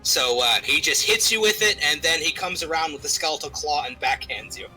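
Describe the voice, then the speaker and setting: Gm guy, high-ish very bright voice, rambly um-uh narration, music in the back. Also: fairly quick, rough recording. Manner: loose, filler-heavy narration. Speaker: game master. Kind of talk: narrating a tabletop game.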